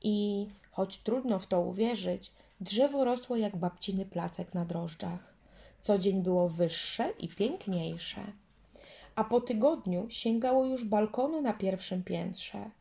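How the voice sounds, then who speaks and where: A woman reading a children's story aloud in a gentle, measured way. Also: mid-range voice, vocal fry.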